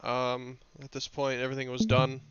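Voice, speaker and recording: A man's voice: medium pitch, completely flat delivery, normal speed, a bit bright, clean tone. A man acting as game master, chatting casually and teasing the players during a mission debrief over voice chat. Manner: laid-back, laughing, teasing. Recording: dull lo-fi voice chat.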